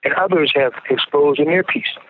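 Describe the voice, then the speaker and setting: A fairly high-voiced man talks on a payphone call, his voice squeezed into a thin, tinny phone band. He speaks earnestly and often stumbles over his words, repeating them as he pushes his point. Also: normal speed, background noise. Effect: payphone call over a tinny prison phone line. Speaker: incarcerated interviewee calling in. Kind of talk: casual phone interview. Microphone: prison payphone handset.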